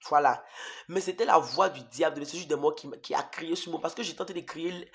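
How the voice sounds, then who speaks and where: A man's voice: fairly high pitch, brisk, a bit bright. A man preaching an emotional testimony sermon, repeating phrases emphatically and addressing his listeners as beloved.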